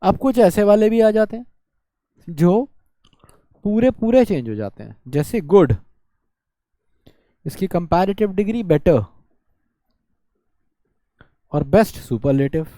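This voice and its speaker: Male tutor, exam-prep lesson, self-quizzing delivery, soft dark tone, dead-dry booth. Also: sits high, very animated, slow, pauses often, no room sound. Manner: explains by asking and answering his own questions; drawls words out to show syllables. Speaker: teacher.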